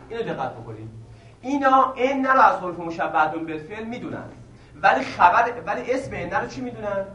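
A man's voice: sits high, a bit bright. A man teaching a seminary grammar lesson in a classroom. He repeats each point patiently, poses questions to the class and answers them himself. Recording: echoey room, mic at a distance, faint noise.

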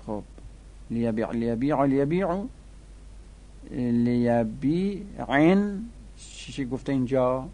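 A man teaching Arabic verb forms, chanting conjugations slowly and repeatedly in a sing-song way and stopping to correct errors in the textbook. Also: medium pitch, warm tone. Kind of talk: classroom lecture.

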